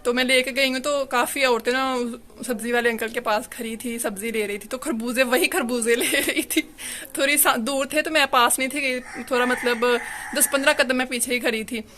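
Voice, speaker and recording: A woman's voice: high-pitched, steady tone, moderate pace, hardly any pauses, pushed and bright, a little hiss or hum. A young woman from Pakistan, rambling chattily through a home vlog outdoors in a sunny courtyard, filmed on a handheld phone. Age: young adult. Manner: rambling, chatty, leans on "you know" fillers. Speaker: family vlogger. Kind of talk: casual home vlog narration.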